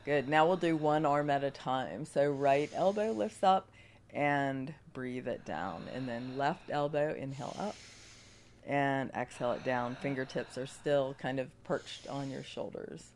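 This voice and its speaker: A woman guest on a radio yoga segment speaks with a gravelly voice, roughened by a cold. Her delivery is measured and instructional, suited to guided meditation and gentle movement cues. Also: very deep voice, slight background noise. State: has a cold.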